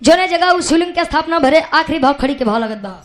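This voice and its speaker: At a live outdoor stage show, a woman with a Bhojpuri accent performs Birha folk song, narrating an epic story in speech before stretching her lines into long, drawn-out sung verses. Her voice sits high with lively intonation.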